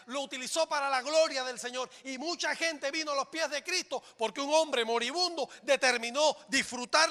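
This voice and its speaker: A male pastor preaching a sermon in a church, dramatic, swinging between loud exclamations and hushed lines. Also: extremely high pitch. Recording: reverberant church hall.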